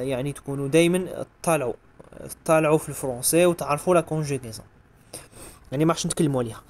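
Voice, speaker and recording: Speaking in a slightly high, somewhat mellow voice, a man with an Algerian Arabic accent teaches French grammar for exam revision. As a French teacher, he spells out each verb ending letter by letter.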